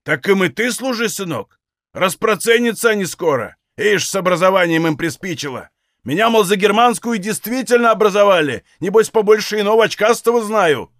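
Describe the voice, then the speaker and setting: A man's voice: sits high, animated, normal speed, no echo, studio quality, voice pushed up. A man doing a grumbling old Cossack father. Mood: indignant. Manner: folksy dialect, indignant scolding.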